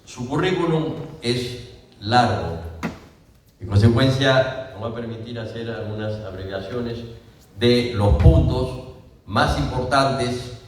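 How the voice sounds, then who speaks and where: An older man from Peru with a Peruvian Spanish accent, giving a formal laudatory speech at a ceremony in a measured way and correcting himself now and then. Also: mid-range voice. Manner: measured, with self-corrections and asides. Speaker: ceremony speaker. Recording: distant mic in a reverberant hall.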